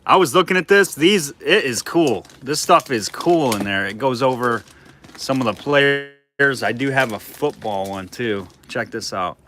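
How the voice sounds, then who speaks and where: Guy running a live auction stream, bright voice, rambly and casual, rattles off bids. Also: medium pitch, expressive. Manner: chatty, rambling, quick bid calls. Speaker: livestream auctioneer.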